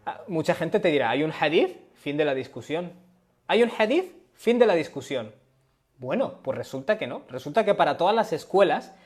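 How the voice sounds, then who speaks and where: Male lecturer, slightly high voice, explanatory, keeps checking listeners follow. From Spain. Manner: explanatory, checks in with "¿vale?" often. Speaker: Islamic studies teacher. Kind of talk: live-stream lecture with questions. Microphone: webcam or phone on a live stream.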